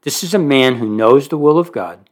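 A man of medium pitch preaches animatedly at a moderate pace, delivering an expository sermon on scripture. He reads verses aloud, then explains them in plain, conversational asides, building in force on key points.

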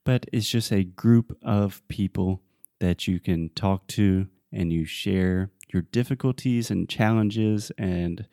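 Casting: male podcast co-host, deep relaxed voice, teacherly and conversational. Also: no echo, studio quality. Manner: explanatory, teacherly. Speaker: podcast co-host and English tutor. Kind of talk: casual podcast chat explaining English phrases.

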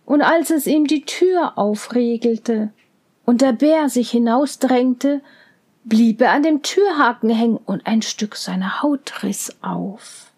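Woman reading a fairy tale real slow, kinda high voice, calm, trails off whispery. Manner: calm, measured, phrases fading into whispers. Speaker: storyteller.

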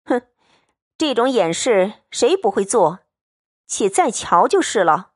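A woman reading the part of a proud, sharp-tongued young noblewoman who speaks with biting sarcasm in a storybook reading. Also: mid-range voice, lively intonation, a little slow, no room sound, studio quality. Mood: cutting.

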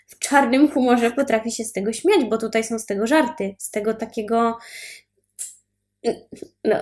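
Animated woman discussing books. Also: a little high. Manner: animated, emphatic opinions with fillers. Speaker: podcast co-host. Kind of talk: casual book discussion.

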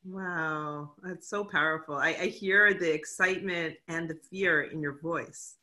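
Woman host, casual chat, bright forceful voice, encouraging, reflective. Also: sits low, steady tone, unhurried.

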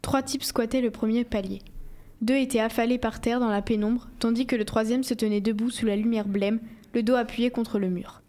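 Woman, audiobook narrator, fairly high voice, mellow tone, steady measured first-person reading. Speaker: audiobook reader.

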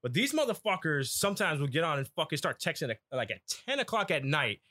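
A man's voice: fairly high pitch, very animated, fast, sharp tone. A middle-aged man telling rambling, profane stories in casual podcast chat. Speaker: podcast co-host.

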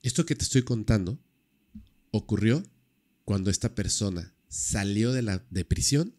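A man casually telling a true-crime story on a podcast, lively and full of fillers. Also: on the low side, unhurried. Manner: animated, acts out quoted dialogue, many fillers.

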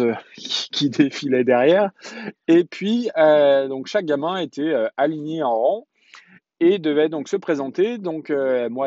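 A man in his thirties or forties telling a personal story in a casual podcast monologue, halting often on fillers and restarts. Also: mid-range voice, dark tone, no room sound, highs cut off. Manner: hesitant, chatty storytelling with many fillers and restarts.

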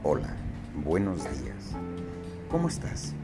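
Slow, deep-voiced man. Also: huge pitch swings, loud music behind the voice. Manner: gentle, preaching, storytelling. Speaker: host of a daily reflection. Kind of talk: motivational reflection.

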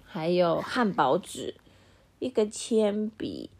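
At home, a mother reads a picture book aloud to her child, acting out the sound effects and pausing to quiz the little one. Her voice is fairly low, slightly rough, and she takes her time, staying animated throughout.

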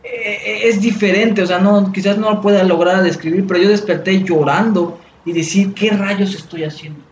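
A man's voice: high voice, fairly even intonation, moderate pace, slight background noise. Man telling a faith story. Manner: rambling storytelling with many fillers and restarts. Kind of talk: casual chat, personal testimony. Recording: echoey room, dull sound.

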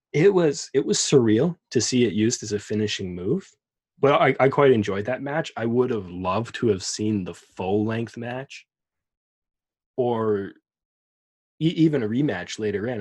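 A man co-hosting a podcast, chatting casually and enthusiastically about wrestling. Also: lowish voice. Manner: enthusiastic, rambling with restarts. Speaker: podcast co-host.

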